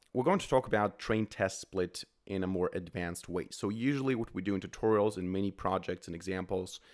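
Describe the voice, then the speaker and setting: A man with a cold, his voice a bit off, explaining step by step as he types code in a programming tutorial. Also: sits low. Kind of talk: screen-recorded coding tutorial.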